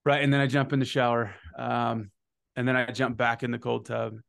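A man in his thirties hosting a podcast, an energetic storyteller who swears freely and keeps asking "right?". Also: mid-range voice, moderate pace, vocal fry. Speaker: podcast host. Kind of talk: casual chat.

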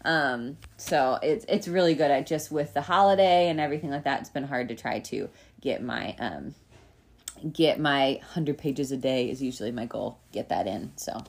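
A young woman co-hosting a casual book podcast, animated and teasing. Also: very deep voice, moderate pace, gravelly. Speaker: podcast co-host. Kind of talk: casual chat about books.

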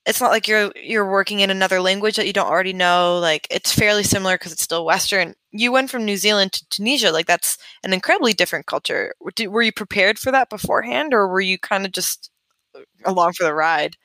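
A woman's voice: medium pitch, fast talker, pushed and bright, no echo. A woman hosting an interview, asking eager, rambling questions in a casual chat.

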